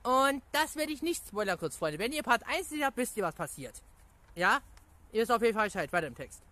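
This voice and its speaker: A gaming YouTuber rambling excitedly through a casual video reply to viewers, full of pet phrases and laughter. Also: medium pitch, brisk. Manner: rambling, chatty, repeats catchphrases and fillers.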